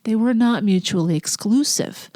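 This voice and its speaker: She has a medium-pitched, warm voice and keeps a moderate pace, though a cold leaves her nasal and congested. Hosting her own casual solo podcast, this teacher sounds earnest and reflective, occasionally lowering to breathy whispers. There's no echo.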